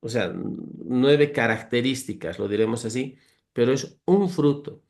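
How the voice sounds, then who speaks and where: Man, Bible teacher, conversational, earnest, explains verses, homely comparisons, mid-pitched voice. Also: a little slow, darkish tone. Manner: earnest, explanatory, reads verses aloud and lists virtues; homely, humorous comparisons, addresses listeners as brothers.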